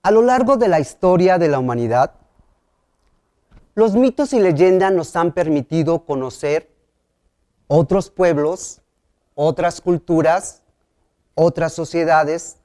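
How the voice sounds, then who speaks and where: A man teaching a televised school lesson, speaking clearly and asking the class questions. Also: high voice, dark tone.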